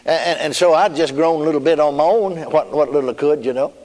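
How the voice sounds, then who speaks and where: A man's voice: a little high, fast, darkish tone. A man preaching a folksy, rambling sermon as a personal story, with colloquial asides. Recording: archive sermon in a reverberant hall.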